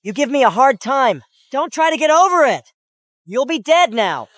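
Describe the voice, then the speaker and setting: A woman dubbing an exposed male villain who rages and curses, with spiteful yelling and taunting laughter. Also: high voice, big pitch swings, normal speed, no echo, clean studio sound. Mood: raging. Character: scheming, furious male villain who has been exposed. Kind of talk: dubbed drama acting.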